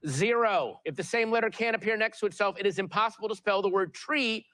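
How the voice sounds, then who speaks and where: A man's voice: high-pitched, fairly quick, pushed and bright, no echo, studio quality. A man hosting a television quiz show, reading questions and teasing contestants playfully. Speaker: game show host.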